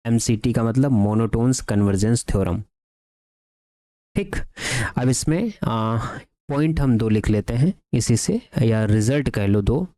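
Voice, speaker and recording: Male math teacher dictating notes super slow, low mellow voice, dry sound. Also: expressive, no echo. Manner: dictates theorems slowly word by word, repeats phrases; asks and answers his own questions. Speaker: math lecturer. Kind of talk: Hindi-English math lecture, dictating notes.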